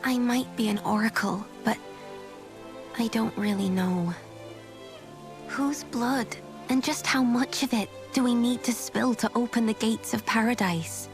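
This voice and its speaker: A female voice actress, fairly high-pitched and measured, plays a gentle, devout young oracle in a video game cutscene with music underneath. She speaks softly, in a pensive and solemn way.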